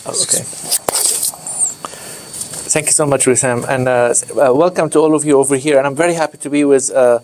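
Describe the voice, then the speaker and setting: Egyptian-born man giving a halting talk. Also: medium pitch, fairly even intonation, darkish tone, slight background noise. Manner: hesitant, many fillers and restarts. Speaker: director of a university study center. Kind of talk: informal talk to visiting students.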